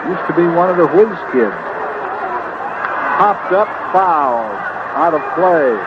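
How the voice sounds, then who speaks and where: Animated yet unhurried, this American man's high-leaning voice delivers live play-by-play for a vintage baseball radio broadcast. He's in an outdoor ballpark booth, with a loud crowd, noise and open-air ambience behind dull-sounding audio.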